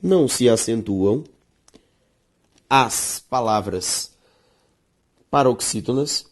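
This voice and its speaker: A Brazilian Portuguese-accented woman gives an online grammar lesson. Her voice is expressive and full of pitch movement, and she lingers on stressed words while addressing her students directly. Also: slow pace. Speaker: teacher.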